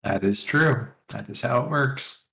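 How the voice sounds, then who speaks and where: A man's voice: mid-range voice, unhurried, creaky, sharp tone, roomy sound. A man playing a tabletop game, chatting and bantering casually with the group.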